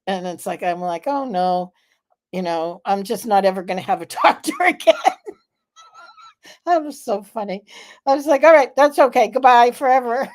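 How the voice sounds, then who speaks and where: A woman in her seventies hosting a live vlog, telling a story in a slow, chatty way with many fillers. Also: medium pitch, darkish tone. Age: 70s. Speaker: vlog host. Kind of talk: casual live vlog chat.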